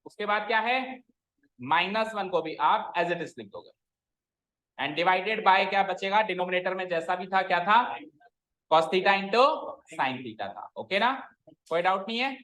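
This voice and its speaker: A man's voice: high voice, fairly bright tone, poor audio. A man teaching a maths class online, explaining steps and often asking students if anything is unclear. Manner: checks often for doubts, informal Hindi-English mix.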